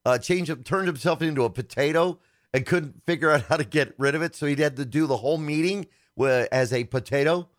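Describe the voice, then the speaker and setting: A man's voice: a little high, a little fast, no room sound, studio quality. A man hosting a tech radio show in casual chat, joking and laughing easily.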